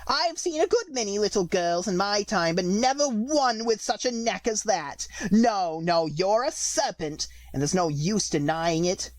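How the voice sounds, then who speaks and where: A frantic mother bird from a storybook, acted out by a woman, pitched very high and swooping about. She scolds and complains in a shrieking, exasperated way, full of suspicion and sulky scorn. The sound is close and dry. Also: lively intonation, unhurried, few pauses, no echo, close to an everyday voice. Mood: contemptuous, sulky.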